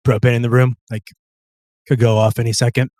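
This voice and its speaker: A man playing a tabletop game talks casually at a middle pitch. He describes his character's moves plainly. The sound is dry and close. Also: little pitch movement, brisk, dark tone, no room sound. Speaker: player.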